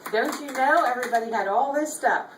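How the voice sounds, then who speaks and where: A woman's voice: on the high side, brisk. Folksy older Southern woman cooking. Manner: chatty, folksy, opinionated. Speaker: cooking show host. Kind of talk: home cooking demonstration. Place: home kitchen. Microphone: camera held by her son. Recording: echoey room, distant camera mic, background noise.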